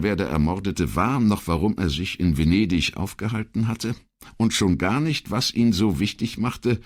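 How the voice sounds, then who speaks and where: Deep-voiced male audiobook narrator. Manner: measured and expressive. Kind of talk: scripted crime-novel narration.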